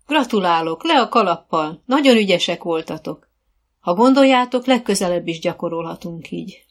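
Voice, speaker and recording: A woman's voice: on the low side, expressive. A woman voicing an adult female riding instructor who is patient and encouraging, calling out commands to her pupils.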